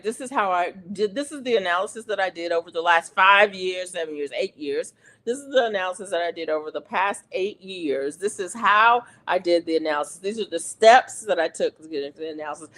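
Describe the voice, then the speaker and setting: A livestream host chatting casually and rambling, with many restarts and fillers, who gets animated when venting. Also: medium pitch.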